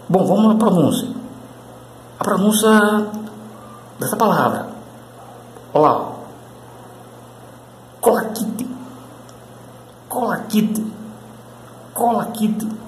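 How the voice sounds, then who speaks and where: Male host, casual rambling lesson talk, roomy echo, faint hiss behind. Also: sits high. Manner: rambling, full of tag questions and fillers. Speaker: English teacher and channel host.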